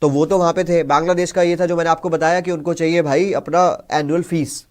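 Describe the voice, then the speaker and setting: Man, Indian accent, slightly high voice, chatty cricket talk, explains simply. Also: fairly even intonation. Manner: chatty, explains in simple terms, reads English news lines slowly. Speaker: cricket show host. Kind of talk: casual cricket discussion.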